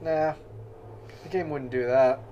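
Guy playing the game for his buddies, deadpan teasing, faint background hum. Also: fairly high pitch, slow, lo-fi sound. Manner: dry teasing, playful. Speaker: player of the game. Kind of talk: casual gaming chat.

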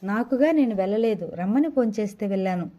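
A woman's voice: mid-range voice, expressive, quick pace, mellow, close to an everyday voice. A woman reading the part of a young wife under twenty-five, stubborn and pleading by turns. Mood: defiant. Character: young wife under 25, longing for a child, defiant.

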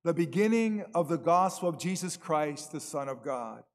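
Priest, male, formal measured reader; cathedral echo, long church reverb, voice sits a bit high. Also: animated. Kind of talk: gospel reading and homily. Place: large church.

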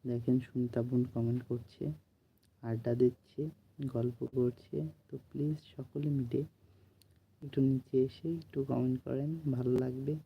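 A man doing a late-night live stream from home, speaking softly so he won't wake the household and repeatedly asking viewers to comment. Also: medium pitch, level tone, normal speed, gravelly, dull audio, a little hiss or hum. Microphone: phone.

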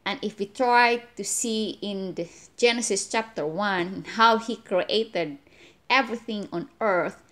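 A woman from the Philippines, a native Cebuano speaker with a Filipino accent, giving an unscripted explanatory talk in a halting, repetitive way with emphasis on key words. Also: medium pitch. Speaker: religious language teacher. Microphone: phone at arm's length.

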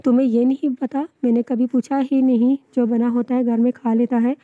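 A woman reading out the lines of a young wife who is emotional and quick-tempered. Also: a little high, flat delivery, no echo, natural voice. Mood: petulant. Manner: tearful pleading, then teasing. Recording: dull lo-fi, dry.

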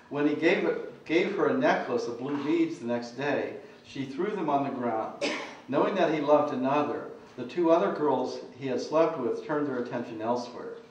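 A male author reading aloud from his novel in a measured storytelling way. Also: medium pitch. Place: large room at a talk. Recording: echoey, distant, dull lecture recording.

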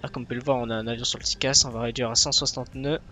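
A man's voice: medium pitch, flat delivery, very fast, sharp tone, soft background music. A man giving casual tutorial commentary as a flight simulator presenter.

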